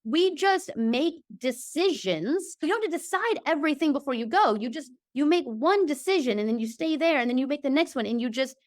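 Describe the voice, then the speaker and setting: A high-voiced woman from Georgia in the US talks fairly quickly with barely a pause, appearing as a podcast guest over a video call. In this casual interview chat she is emphatic and lively, constantly checking in with her listener by asking "okay?"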